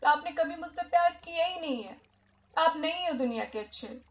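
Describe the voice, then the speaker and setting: A woman's voice: very high-pitched, expressive, normal speed, roomy sound, voice pushed up. A woman voicing a crying, accusing little child. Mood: hurt, accusing. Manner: tearful, pleading complaints.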